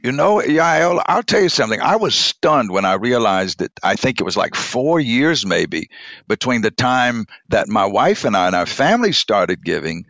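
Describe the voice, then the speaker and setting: A middle-aged bishop telling a personal faith story in an intimate, emotional way, sometimes dropping to a whisper. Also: male voice, medium pitch, big pitch swings, moderate pace, vocal fry, a bit bright, no room sound, lo-fi sound. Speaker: bishop and chairman.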